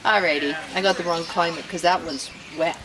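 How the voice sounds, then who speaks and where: A woman's voice: fairly low pitch, steady tone, brisk. A woman in her sixties conducting a conversational oral history interview. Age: 60s. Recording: noisy recording with ambient sound.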